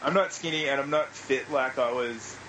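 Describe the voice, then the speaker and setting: A man's voice: mid-range voice, normal speed, background noise. Swearing thirty-something Australian man. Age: 30s. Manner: casual, swears freely, rambling anecdotes. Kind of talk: casual chat.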